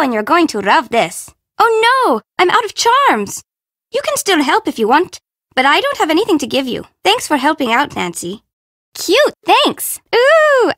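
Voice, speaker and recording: This is video game voice acting for a sassy young woman who works at a bento shop. Her high voice swings in big, animated arcs as she bubbles and teases, turning sarcastic fast, and the recording is dry and close with no echo.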